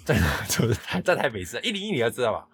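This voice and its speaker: A man from Hong Kong with a Taiwanese Mandarin accent, hosting a casual podcast chat, chatty and quick to laugh. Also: medium pitch, big pitch swings, fairly bright tone, soft background music. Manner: chatty, laughs often, quotes others. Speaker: podcast host.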